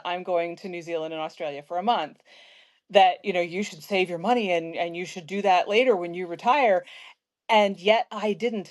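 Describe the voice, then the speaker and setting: A woman in her fifties from South Central Pennsylvania, hosting a casual conversation and telling stories with lively asides. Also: medium pitch. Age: 50s. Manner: storytelling, animated asides. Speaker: host.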